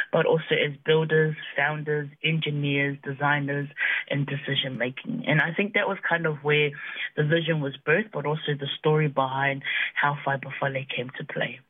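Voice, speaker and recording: A man's voice: fairly high pitch, breathy edge, no echo. A man, a tech co-founder, talking as a guest in a radio interview in an upbeat way, laughing often and speaking proudly of where he grew up. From New Zealand. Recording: narrow phone-like radio sound, dry.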